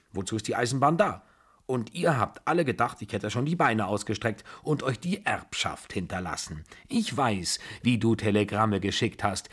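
A man's voice: lowish voice, husky. A man voicing a blunt, imperious rich old aunt of seventy-five who talks in a brusque, mocking way.

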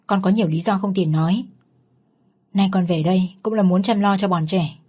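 A woman's voice: mid-range voice, normal speed, a little mellow, slightly rough, close to an everyday voice. Woman reading as a humble pleading son-in-law. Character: remorseful ex-convict son-in-law, man.

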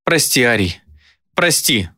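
A man's voice: medium pitch, moderate pace, pushed and bright, husky, no room sound, clean studio sound, voice pushed up. Man voicing a desperate female demon. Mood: despairing. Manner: pleading and desperate. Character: anguished female demon, fierce but tender protector.

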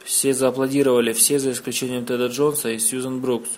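A man reading a novel aloud as an audiobook narrator, steady and measured. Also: medium pitch.

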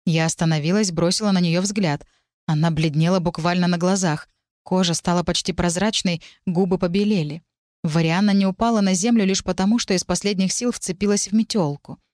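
A woman reading a first-person fantasy story aloud, dramatic and tense, with sharp shouted lines for the characters. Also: lowish voice, steady tone, a little fast, dry recording, clean studio sound. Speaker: audiobook narrator.

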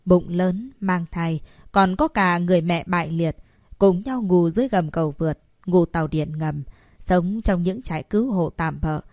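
A woman's voice: lowish voice, normal speed, a little mellow, dry recording, studio quality, lightly acted. A woman voicing a tearful, grateful young mother in a narrated story. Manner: choked, tearful.

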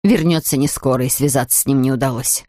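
A woman reading a storybook aloud and voicing a brisk, stern middle-aged housekeeper who grumbles in a firm, no-nonsense way. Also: a bass voice, mellow, dry recording, studio quality, pitched below the performer's own voice.

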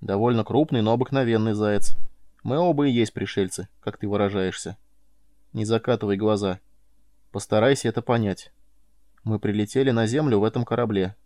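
Man as a patient alien mentor, dry, measured, dark-toned, close dry recording. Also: lowish voice, steady tone, no room sound, lightly acted.

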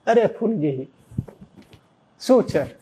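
A man's voice: high-pitched, lively intonation, slow pace, dark tone, slight background noise, voice pushed up. A man voicing a compassionate male divine lord who comforts a grieving devotee in a story told during a sermon. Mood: tender.

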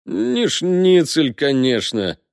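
A man's voice: mid-range voice, big pitch swings, moderate pace, dry recording, studio quality. A man voicing a joking young male sniper who clowns around in a theatrical mock-announcer manner, in an audiobook. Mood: mock-solemn.

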